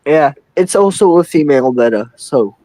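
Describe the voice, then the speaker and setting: Calling into a live stream, a young man from the Czech Republic hesitantly asks about his aquarium, full of fillers and restarts. His fairly high voice is expressive and dark-toned at a moderate pace, and the dry recording is low quality.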